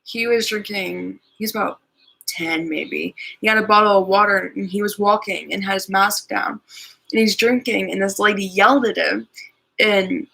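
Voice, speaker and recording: A woman's voice: medium pitch, steady tone, normal speed, gravelly, bright, forceful tone, low-quality recording. A woman telling a story casually outdoors, filling her speech with "like" and "um" and breaking into small laughs. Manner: filler-heavy, giggly, says "like" a lot. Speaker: family member of the host, guest on the stream. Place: outdoors, chilly.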